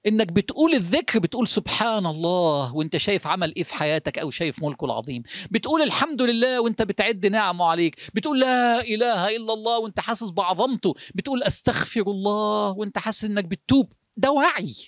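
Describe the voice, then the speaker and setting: A man with an Egyptian accent giving a motivational sermon, firing rhetorical questions at the listener and dropping to hushed, slow phrases for emphasis. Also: sits high, animated, no echo, clean studio sound. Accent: Egyptian Arabic. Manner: asks the listener rhetorical questions in quick succession; shifts between urgent speech and hushed, slowed phrases. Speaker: religious speaker.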